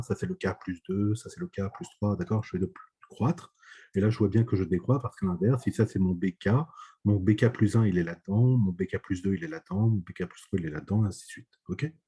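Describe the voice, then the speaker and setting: A man's voice: fairly low pitch, warm tone, breathy edge. A man giving a mathematics lecture, hesitant and full of fillers, often checking that students follow. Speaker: math lecturer. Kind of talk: online lecture.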